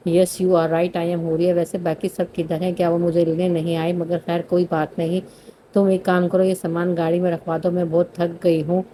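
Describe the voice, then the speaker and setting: A woman voicing a haughty young woman back from abroad, bossy and dropping English phrases, in a low, even voice. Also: a little hiss or hum, lightly acted, poor audio.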